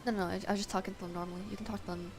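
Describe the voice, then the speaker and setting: A woman's voice: lowish voice, level tone, very fast, noisy background. A woman with a Canadian accent streaming a game, playful and giggly as she reads lines aloud. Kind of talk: casual gaming livestream. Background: game music.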